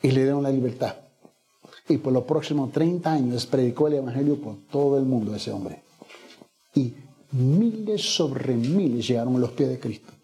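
Storytelling pastor with a mellow voice. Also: male voice, medium pitch, moderate pace. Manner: storytelling with acted-out dialogue, rising to emphatic peaks. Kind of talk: sermon. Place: church.

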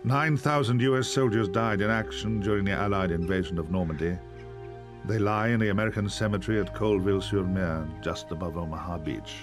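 Low-pitched male documentary narrator. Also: a little fast, over music. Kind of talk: scripted narration.

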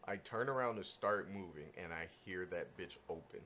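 A man's voice: low voice, expressive, moderate pace, sharp tone. A man hosting a casual gaming news chat, talking bluntly in slangy, profane bro speak. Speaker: podcast host.

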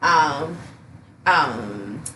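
A woman's voice: deep voice, lively intonation, drawn-out words, bright, forceful tone, recorded from a distance, slight background noise. Sleepy woman podcast host, loose chat. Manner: loose, filler-heavy, playful teasing. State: tired, sleepy. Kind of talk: casual chat.

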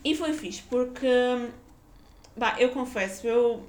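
A woman's voice: a little high, slow pace, a little hiss or hum. A young woman from Guarda with a Portuguese accent from that region, telling a casual personal story in a chatty way, laughing often and using many fillers. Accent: European Portuguese, Guarda region. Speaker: podcaster.

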